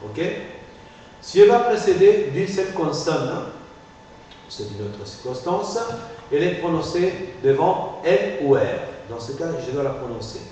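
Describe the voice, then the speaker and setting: A male phonetics teacher explains step by step, pausing often to ask "ok?". He sounds far from the mic, with a long, ringing room echo. A faint hiss sits under the voice. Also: on the high side, expressive, warm tone. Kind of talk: classroom lecture. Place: classroom.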